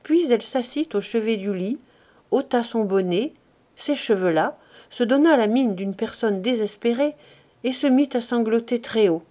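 A woman reading a classic novel aloud as an audiobook, in a measured, expressive way. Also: a little high. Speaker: audiobook reader. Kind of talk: literary audiobook narration.

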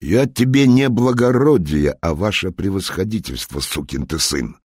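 A man's voice: low voice, very animated, moderate pace, a little mellow, breathy edge, no room sound, clean studio sound, full character voice. A man voicing a commanding, curt male general in an audiobook. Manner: authoritative, curt. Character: commanding stern male general, middle-aged.

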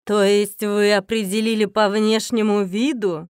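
A woman voicing a stern, displeased male investigator with a low, velvety voice. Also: level tone, unhurried, a little mellow, smooth, dry recording, clean studio sound, close to an everyday voice. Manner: stern, questioning.

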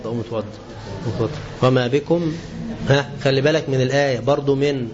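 A man with an Egyptian Arabic accent giving a colloquial religious lesson, often asking his listeners questions and slowing down to stress quoted verses. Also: medium pitch. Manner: lively, asks the class questions and answers them; slows down and stresses scripture quotes. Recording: dull lo-fi lesson recording with faint hiss.

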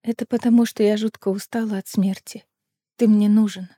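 A woman reading an audiobook, voicing a young warrior woman who speaks softly and intimately. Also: medium pitch, flat delivery, brisk, natural voice. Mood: tender. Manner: soft, hushed and intimate. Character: tender young woman warrior, weary of death.

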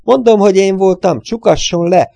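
A man's voice: lively intonation, warm tone, no room sound, natural voice. A man voicing a nervous, worn-out little man of about forty-five who pleads and shrieks his way through a false confession. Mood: shrill pleading. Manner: pleading, shrill and indignant.

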